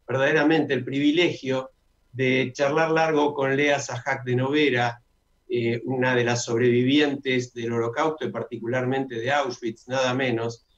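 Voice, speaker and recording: A man hosting a radio talk show, chatty, who announces details slowly and repeats them. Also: medium pitch. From Argentina. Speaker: radio host. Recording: dull lo-fi radio sound.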